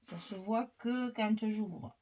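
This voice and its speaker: A woman's voice: mid-range voice, takes it slowly, dark tone, slight background noise. A woman chatting her way through a scrapbooking tutorial, thinking aloud, filling gaps with little fillers and laughing at herself. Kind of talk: casual crafting tutorial.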